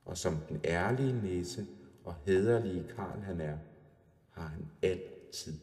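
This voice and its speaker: A man reads a storybook aloud in a calm, measured voice. His voice is very deep and mellow. The recording rings in a roomy space with a long reverb. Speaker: narrator. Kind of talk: storybook reading.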